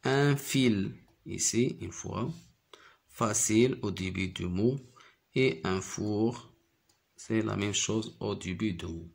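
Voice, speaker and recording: A man leads a primary school phonics lesson, repeating each word twice so young pupils can follow. His voice sits fairly low and he speaks at a very unhurried pace. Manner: repeats each word slowly and clearly, switches to Moroccan Arabic to explain.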